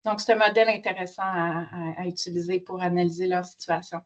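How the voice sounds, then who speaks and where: A woman's voice: fairly low pitch, little pitch movement, fairly quick, highs cut off. A woman with a Quebec French accent, speaking spontaneously as a panel speaker and explaining her points.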